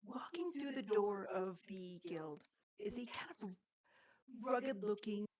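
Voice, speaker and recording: A woman talking slowly over a voice call while her voice echoes back from a second device. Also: medium pitch, lively intonation, a little mellow. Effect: voice echoing from a second device. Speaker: tabletop game player. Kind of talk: casual online game chat. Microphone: voice call microphone. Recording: dull lo-fi call audio with echo.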